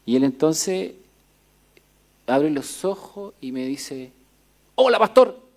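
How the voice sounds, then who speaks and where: Mellow-voiced pastor preaching. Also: male voice, medium pitch, slow. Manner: conversational, hesitant with many fillers, reads scripture steadily. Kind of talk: sermon with personal story and scripture reading. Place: church.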